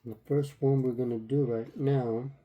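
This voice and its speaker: A man hosting a casual, unscripted unboxing video, speaking haltingly with his voice slightly muffled through a face mask. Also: medium pitch, steady tone. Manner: halting, hesitant delivery. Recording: faint background noise, clicks.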